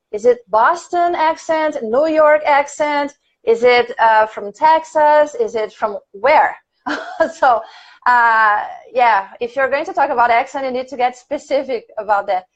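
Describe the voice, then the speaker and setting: A Brazilian woman whose first language is Portuguese leads a casual English conversation class on a livestream, speaking with a Brazilian accent. Her voice sits high with a lo-fi sound, and she's chatty, laughs often and thinks aloud with fillers.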